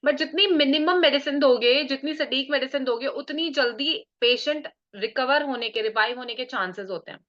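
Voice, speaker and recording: A woman teaching a live online class, mixing Hindi and English, slowing down to spell out key terms and often checking in with her listeners. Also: high-pitched, fairly bright tone. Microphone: computer mic on a video call. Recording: muffled video call audio.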